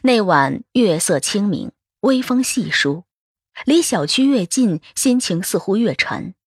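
A woman reading a first-person story aloud as an audiobook narrator, expressive in her telling. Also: mid-range voice, measured pace, husky, no room sound, clean studio sound.

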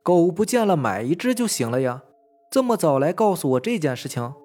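Brief: a man playing a testy rich old master of the house, barking orders, a bit higher than his own voice, for an audio horror story. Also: big pitch swings, fairly quick, darkish tone, soft background music. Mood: impatient. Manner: impatient, commanding.

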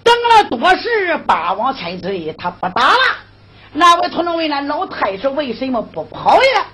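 A woman narrating a tale in a traditional storytelling performance, with an animated sing-song delivery. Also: high voice, normal speed.

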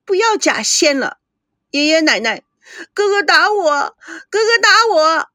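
A woman voicing a spoiled, quarrelsome young woman in an audiobook, sharp and accusing. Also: high voice, very animated, normal speed, no echo, studio quality, heavily acted. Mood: wailing.

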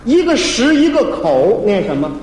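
A man's voice: very high voice, sing-song, moderate pace, a little mellow. A man performing stage crosstalk comedy, slyly quizzing his partner with teasing riddles. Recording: echoey hall with faint hiss.

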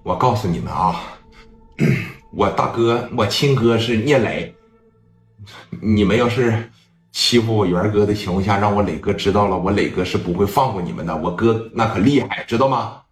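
A man's voice: lowish voice, normal speed, reverberant, close to an everyday voice. A man voicing a young woman in a spoken story, pleading, then boasting about her older brother. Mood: boastful.

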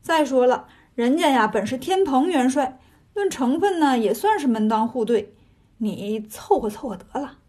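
A woman voicing a boastful male monkey king who teases and swaggers, with a husky voice. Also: sits high, animated, moderate pace, mellow. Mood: teasing. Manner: teasing, swaggering.

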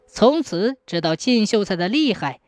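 A woman narrating a folk tale in a lively, expressive storytelling manner. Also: medium pitch, moderate pace.

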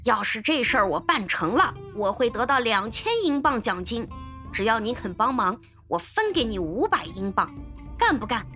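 Woman doing a sly, low-voiced detective. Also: sing-song, normal speed, sharp tone, faint music behind, exaggerated voice. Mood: scheming. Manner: low, coaxing and conspiratorial. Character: scheming male detective, sly and persuasive.

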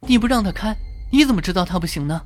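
A woman's voice: lowish voice, expressive, fairly quick, a little mellow, breathy edge. A woman playing an anxious young doctor. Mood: urgent. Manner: urgent, pleading. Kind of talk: storytelling voice acting.

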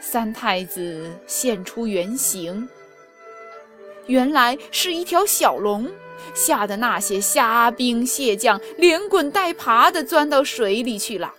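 A woman teacher narrating a children's story, expressive, slow and clear. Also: fairly high pitch, faint music behind.

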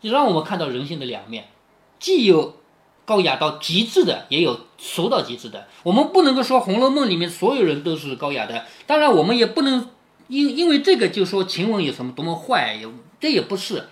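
Lively man explaining a classic novel. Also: sits high, a little fast. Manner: conversational, asks rhetorical questions. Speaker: father reading and explaining a classic novel to his daughter. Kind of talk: storytelling with commentary.

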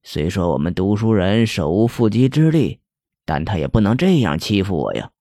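A man voicing the ghost of a starved old-time male scholar who speaks in a bookish, lamenting, measured way. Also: on the low side, very animated, mellow, no echo, studio quality. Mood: aggrieved.

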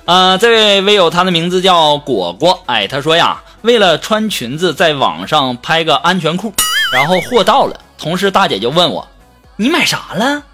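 Male comedy host, lively and high-voiced, reading jokes over music. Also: moderate pace. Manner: wisecracking, animated. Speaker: radio-style comedy host. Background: background music.

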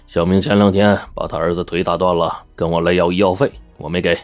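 一位男性说书人演绎一个焦急、说话结巴又吝啬的中年男老板。. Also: male voice, low-pitched, level tone, fairly quick, soft background music, natural voice. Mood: puzzled. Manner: anxious, stammering. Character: worried, stingy middle-aged male businessman.

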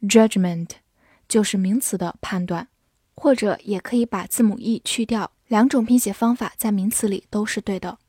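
A woman teaching English vocabulary, spelling each word out and reading example sentences slowly. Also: mid-range voice, steady tone, mellow, husky, no echo, clean studio sound. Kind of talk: vocabulary lesson.

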